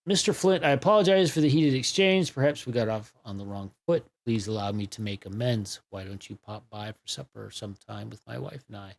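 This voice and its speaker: A man's voice: lowish voice, a little fast, gravelly, hardly any pauses. A man voicing a polite, anxious husband who speaks earnestly and apologetically. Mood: earnest pleading. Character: anxious, polite husband worried for his wife.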